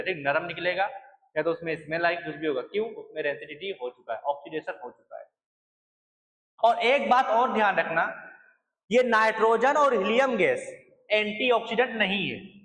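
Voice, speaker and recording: A man's voice: high voice, fairly bright tone. A man from India teaching a classroom chemistry lecture, asking students questions, repeating the answers and mixing English phrases into his talk. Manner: mixes English phrases into Hindi. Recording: echoey room with long reverb.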